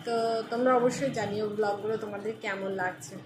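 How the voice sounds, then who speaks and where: A woman's voice: medium pitch, steady tone, a little fast. Casual woman vlogging over background noise. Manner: casual, speaks straight to viewers. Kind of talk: casual on-camera vlog talk.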